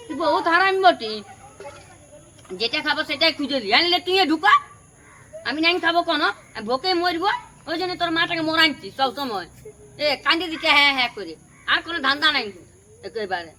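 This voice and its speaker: Casting: woman as a sharp-tongued young stepmother, Purulia Bengali accent, bright high voice. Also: animated, brisk, slight background noise. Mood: scolding. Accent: Purulia Bengali dialect. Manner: sharp, scolding, quarrelsome. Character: harsh young stepmother, quarrelsome and scolding. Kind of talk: village home drama acting.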